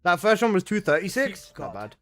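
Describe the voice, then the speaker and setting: A man's voice: sits high, sing-song, fairly quick, fairly bright tone. A young man chatting casually on a gaming livestream, answering his chat in laid-back slang from his room at home. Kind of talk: casual live-stream chat.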